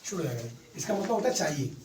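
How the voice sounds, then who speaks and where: A man's voice: fairly high pitch, sing-song, fast talker, darkish tone, slight background noise. A man teaching an English class, quizzing his pupils and calling them beta. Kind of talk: classroom lesson. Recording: echoey classroom from far off.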